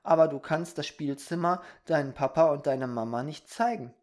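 A storybook reader voicing a little female fairy who patiently explains things to a boy, in a soft and kind manner. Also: mid-range voice, normal speed, lightly acted. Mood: gentle.

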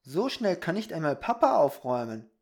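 A storybook reader voicing a small, wide-eyed boy who asks and wishes for things in an excited, eager way. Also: mid-range voice, a little fast, pitched above the performer's own voice.

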